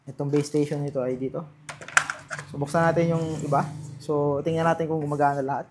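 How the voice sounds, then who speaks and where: A Filipino man with a slightly high voice talks through a casual gadget unboxing. He pauses and thinks aloud as he goes, over some background noise and clicks of handling. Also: flat delivery. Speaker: gadget vlogger. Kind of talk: casual hands-on unboxing and testing.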